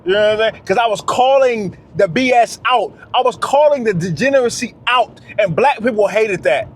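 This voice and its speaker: Guy with a high voice ranting on his vlog, slangy, says stuff twice for emphasis. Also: expressive, normal speed, slight background noise. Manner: emphatic, repeats phrases, slangy. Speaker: vlogger. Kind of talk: casual monologue vlog.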